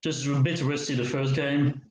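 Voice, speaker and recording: A man, an esports player, answering post-match interview questions over a call, his voice echoing as if in a cave, halting and repeating words. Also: medium pitch, level tone. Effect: echoey cave-like sound on his voice. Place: living room. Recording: roomy echo over an online call.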